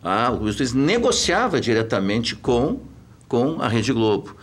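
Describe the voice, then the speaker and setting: Brief: man, club-director type, animated and emphatic, middle pitch. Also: a little slow. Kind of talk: talk show debate.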